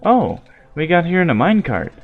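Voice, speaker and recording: A naive young child hero from a video game, voiced by a man, raised in pitch. The character is kind, curious and earnest, with casual, inquisitive phrasing. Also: huge pitch swings, fairly quick, narrow, tinny audio. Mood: curious, concerned.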